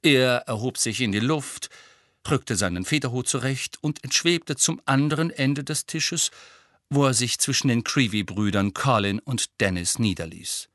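A man reading a children's fantasy audiobook aloud in an even storytelling voice at a medium pitch. The sound is dry and close, with no room in it. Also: a little slow, no echo. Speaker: audiobook narrator. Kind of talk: scripted narration.

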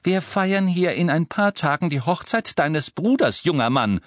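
A man voicing a brisk, bossy motherly witch in an audiobook. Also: fairly high pitch, expressive, dry recording, pitched above the performer's own voice. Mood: scolding. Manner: brisk, scolding.

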